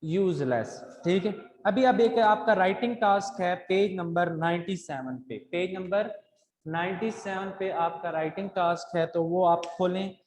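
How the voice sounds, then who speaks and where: Speaking slowly and with care, a teacher with a Pakistani accent gives children an English grammar lesson, spelling words letter by letter and checking in often. His medium-pitched, darkish voice alternates between Urdu and English as he reads textbook lines. The class recording carries a faint hiss or hum and the long reverb of an echoey hall.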